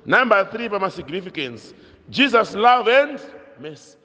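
High-pitched and sharp, with big pitch swings at normal speed, a man leads a catechism lesson in a blend of Shona and English. He puts questions to his listeners and repeats key phrases. A long hall echo gives the recording a dull sound.

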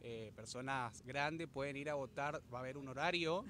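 A man's voice: medium pitch, normal speed, pushed and bright, a little hiss or hum. A man making an earnest campaign appeal in a street interview outdoors. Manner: earnest, repetitive fillers. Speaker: campaign supporter.

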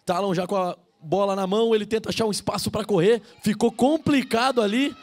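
A Brazilian man works as a play-by-play commentator on live American football. His voice is very high for a man, with a creaky, gravelly edge. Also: fairly quick.

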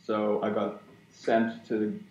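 A man's voice: on the low side, monotone, takes it slowly, darkish tone. A young man, a guest in a casual interview, talking hesitantly with many fillers and restarts. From Ireland. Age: young adult. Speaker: guest concept artist. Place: small room at home, indoors. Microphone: video call webcam. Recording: dull roomy webcam audio with faint noise.

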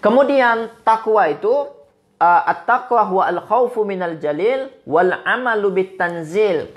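A man from Medan giving an Islamic sermon, quoting Arabic verses and telling stories with lively, rising and falling emphasis. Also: high-pitched. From Medan, Indonesia. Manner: animated preaching, quotes Arabic verses and retells stories. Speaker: Islamic preacher.

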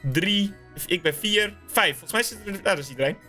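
A young man banters through a game in a bright, high voice that jumps around in pitch. He is excitable and fires off repeated words, close on a headset with light music behind. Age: young adult. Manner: excitable, repeats words rapidly, laughs often. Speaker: gamer playing hide-and-seek. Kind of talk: casual gaming banter. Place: small dim indoor room at a gaming desk.

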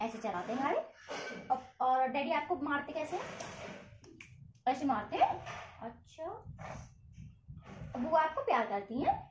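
Woman, high bouncy voice, sing-song baby talk, coaxing a toddler, echoey room. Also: big pitch swings, unhurried, long pauses, highs cut off. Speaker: host of a toddler-activity channel. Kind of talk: playful questions to a toddler. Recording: echoey room, faint background noise.

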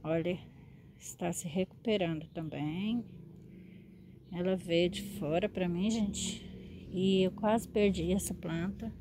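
A woman's voice: on the low side, slow pace, noisy background. A woman, a succulent grower and seller, chatting fondly in a show-and-tell vlog and often checking in with her viewers.

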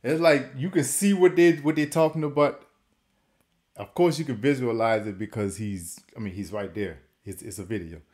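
A man hosting a reaction video, with a medium-pitched everyday voice. His talk is loose and casual, full of restarts and repeated words, and easy laughter keeps breaking in. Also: a little mellow. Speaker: reaction channel host.

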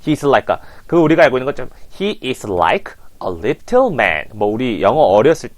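A man's voice: mid-range voice, very animated, measured pace. A man teaching English as a coach, animatedly prompting listeners to repeat phrases, on a lapel mic. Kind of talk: language lesson.

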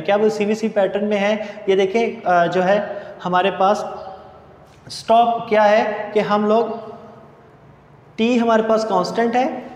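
High-voiced man teaching grammar. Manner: explains slowly, spells out words letter by letter. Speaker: English lecturer. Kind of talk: grammar lecture over slides. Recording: echoey room with long reverb.

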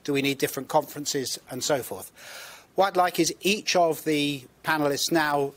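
A man's voice: fairly high pitch, moderate pace, a bit bright. A man introducing and moderating a panel discussion before a lecture-room audience.

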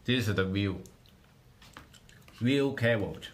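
A man talks at a slow, unhurried pace in a fairly low voice. His speech comes in halting bits, with words repeated as he thinks aloud. A faint hiss sits under the voice. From Hong Kong. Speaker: livestreamer. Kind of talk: casual livestream food tasting.

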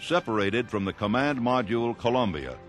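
A man giving scripted documentary narration in an even, informative way. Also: mid-range voice, normal speed. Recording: narration over clear music.

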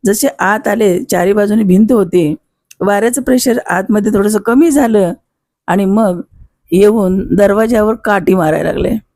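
Older woman with a warm gravelly voice. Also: medium pitch, no echo, studio quality. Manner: unhurried, conversational, with pauses and self-corrections. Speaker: storyteller. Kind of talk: reminiscing oral storytelling.

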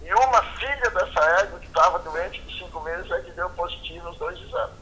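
Rural man phoned in for a news piece, sharp and forceful in tone, halting, plain speech. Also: high voice, animated, slight background noise. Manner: plain-spoken, halting, ends points with "né?". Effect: heard over a telephone line. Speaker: horse owner interviewed by phone. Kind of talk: casual phone interview.

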